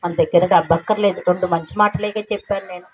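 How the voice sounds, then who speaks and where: A woman's voice: fairly low pitch, fairly even intonation, quick pace. A middle-aged woman giving a spiritual meditation class in an earnest, preaching way, full of rhetorical questions. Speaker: meditation teacher. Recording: dull lo-fi recording, faint noise.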